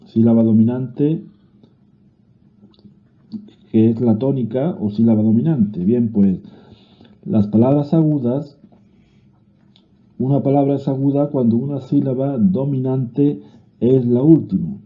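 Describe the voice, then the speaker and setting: A man with a Spanish accent reading a grammar lesson aloud, slow and deliberate, sometimes restarting a word. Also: mid-range voice. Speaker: teacher. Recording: phone-like narrow-band audio.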